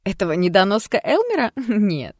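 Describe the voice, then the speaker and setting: An audiobook reader voicing a mocking, unhinged female alter ego who talks in a hoarse, hissing, capricious way. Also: medium pitch, wildly swooping pitch, normal speed, dry recording, clean studio sound, pitched above the performer's own voice. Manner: taunting, capricious, cheeky. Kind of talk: audiobook character voice.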